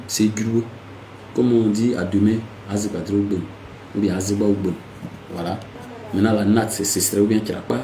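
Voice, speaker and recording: A man hosting a casual language lesson, lively and repetitive, with playful asides. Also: lowish voice, echoey room, slight background noise, low-quality recording. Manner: lively, repeats words, slips into playful asides. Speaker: language teacher hosting a segment.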